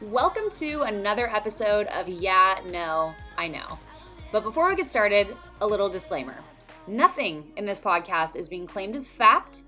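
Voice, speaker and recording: A woman reading a scripted podcast disclaimer in a measured way. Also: mid-range voice, sharp tone. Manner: measured, read aloud.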